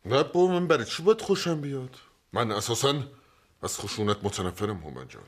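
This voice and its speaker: A man's voice: medium pitch, sing-song, close to an everyday voice. An actor playing a timid, skinny male doctor who insists he hates violence and grows defensive. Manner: defensive, voice jumping up when flustered.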